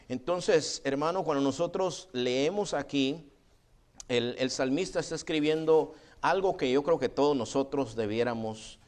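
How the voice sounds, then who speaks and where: A man preaching a sermon in a church. He speaks conversationally, often calling the congregation "brother" and asking "right?", and he slows down when he reads scripture aloud. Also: mid-range voice. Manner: conversational preaching, often adds "hermano" and "¿verdad?"; slow, deliberate congregational reading of scripture. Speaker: pastor. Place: church sanctuary.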